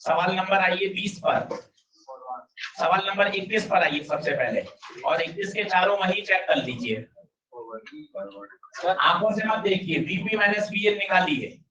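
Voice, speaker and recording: Male teacher, energetic and pushing students, high bright voice, dull roomy classroom sound from a distance. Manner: energetic, drilling students with rapid questions. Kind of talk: classroom physics lecture.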